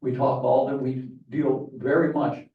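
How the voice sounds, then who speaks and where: This conference speaker has a mid-range voice, a flat delivery and a measured pace. His talk to the audience wanders, packed with fillers and restarts, and the recording is distant and echoey, from a hall with a dull sound.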